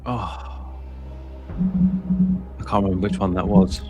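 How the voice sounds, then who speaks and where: Low-voiced man chatting on a quiz. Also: very animated, takes it slowly, dark tone, muffled recording. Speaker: quiz contestant. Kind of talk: casual chat. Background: faint music.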